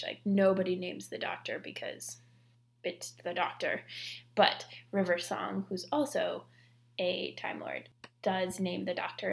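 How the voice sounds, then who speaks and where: A woman's voice: lowish voice, vocal fry. A woman co-hosting a podcast, chatting casually about scripture and fiction, with lots of "like" fillers. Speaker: podcast co-host.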